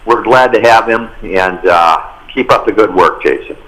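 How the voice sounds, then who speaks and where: Low-voiced male commissioner. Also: normal speed, a bit bright, poor audio. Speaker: county commissioner. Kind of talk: meeting remarks.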